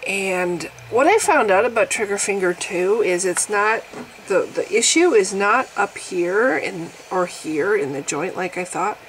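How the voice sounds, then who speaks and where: A woman's voice: lively intonation, unhurried, slight background noise, low-quality recording. A woman in her fifties talking casually to the camera about getting older, in a wry, exaggerated, self-mocking way that often breaks into laughter. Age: 50s. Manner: wry, exaggerated, laughing at herself, swings in pitch and loudness. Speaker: vlogger.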